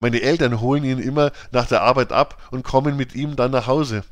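A man's voice: mid-range voice, fairly quick, natural voice. A man voicing an impulsive girl who speaks urgently as she explains herself.

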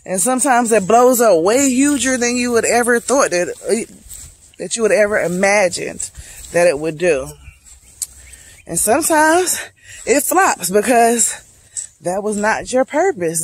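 A woman's voice: medium pitch, animated, unhurried, long pauses, breathy edge. Chatty woman vlogging on a woods trail. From Charlotte, North Carolina. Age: 30s. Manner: chatty, reflective, motivational, talks to viewers as "y'all". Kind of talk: casual vlog monologue. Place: wooded hiking trail outdoors. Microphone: phone held at arm's length while walking.

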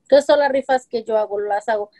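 A woman in her forties with a slightly high, mellow voice talks fast as a guest on a webcam video call, sitting in a home room lined with shelves of colorful containers. She sells from a home business and, in this casual interview, chats freely, gives lots of examples, and fills pauses with "este" and "eh."

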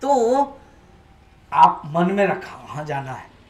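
Speaking slowly but very animatedly in a fairly high voice, a male swami delivers a spiritual talk to a gathering in someone's home, blending English into Hindi. He quizzes the audience and has them echo his words back. The room sound is noticeable, with a slight hiss or hum.

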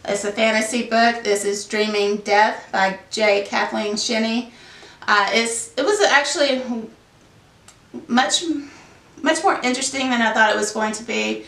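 A thirties-aged book vlogger with a sinus cold talks unhurriedly through what she read this month, in a slightly high, gravelly voice with a bright edge. She wanders, says um a lot, and keeps correcting herself in this casual wrap-up. Filmed at home before bookshelves, the audio is echoey and roomy from a somewhat distant camera.

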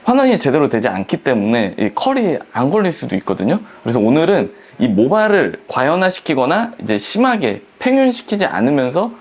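A man's voice: mid-range voice, wildly swooping pitch, fairly quick, few pauses. A man, a hair salon director, explaining a perm process step by step in an instructional demonstration, with frequent fillers.

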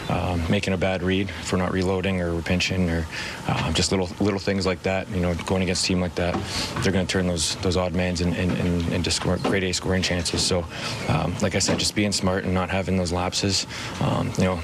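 Low flat-voiced hockey player, noisy room. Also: male voice. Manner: measured, repeats team clichés with many fillers. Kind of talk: postgame interview answers. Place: locker room in front of a whiteboard.

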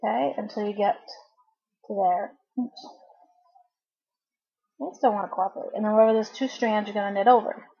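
A woman's voice: mid-range voice, fairly even intonation, normal speed, creaky, pauses often, slightly rough, dull audio. A woman hosting a casual craft tutorial, chatting informally and correcting herself as she works with her hands while a cough drop sits in her mouth.

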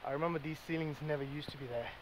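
A man's voice: a little high, steady tone, very fast. A young man, talking casually to a handheld camera at arm's length while walking outside, chatty and loose, full of fillers. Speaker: vlogger. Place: outdoors on hillside paths and streets. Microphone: handheld camera mic at arm's length. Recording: noisy outdoor camera audio.

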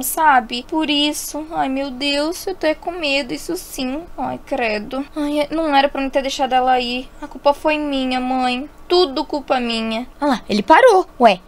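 Brief: a Brazilian woman as an anxious teen big sister with a very high voice, all dramatic sighs and cries, for a game roleplay story. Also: lightly acted. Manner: dramatic, fretful exclamations. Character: worried teenage girl, anxious big sister.

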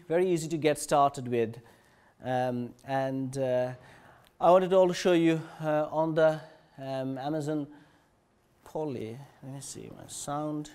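Male conference presenter, somewhat high pitch, halting delivery with frequent fillers and restarts. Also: darkish tone, clear, resonant tone. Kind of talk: technical conference talk. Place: conference session room.

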